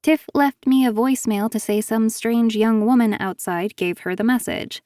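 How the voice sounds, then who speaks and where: A woman's voice: on the high side, moderate pace, darkish tone, no room sound, studio quality, voice pushed up, close to an everyday voice. A woman doing a sly, sugary-sweet menacing author. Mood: smug taunting. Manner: falsely sweet, taunting.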